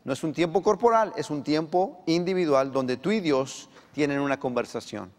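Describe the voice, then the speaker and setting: High-voiced preacher in a reverberant church. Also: male voice, normal speed. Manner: animated preaching, voice climbs for emphasis. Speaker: pastor. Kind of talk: sermon. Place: church sanctuary.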